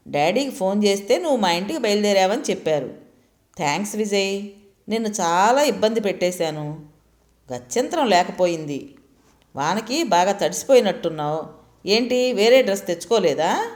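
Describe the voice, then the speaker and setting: A woman's voice: mid-range voice, sing-song, normal speed, pauses often, a little mellow, lightly acted. A woman voicing a bossy, talkative middle-aged aunt who scolds freely. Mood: scolding. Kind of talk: storytelling voice acting.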